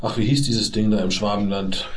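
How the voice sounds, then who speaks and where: A man's voice: fairly low pitch, steady tone, slight background noise. A man from Bavaria, a guest in a casual podcast chat, telling stories with dry jokes. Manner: dry joking, slow storytelling.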